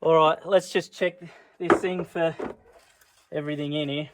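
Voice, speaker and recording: A man's voice: fairly high pitch, fairly even intonation, normal speed, noisy background. An Australian man chatting casually in a vlog as he works on a car, with laid-back, sweary, blokey Aussie slang. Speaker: car build vlogger. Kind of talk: casual vlog chat while working on a car.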